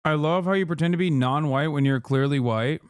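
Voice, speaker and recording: A man's voice: on the high side, a little fast, smooth, dry recording, clean studio sound. A man from Turkey streaming live, reading and answering his chat in blunt casual talk that swears freely.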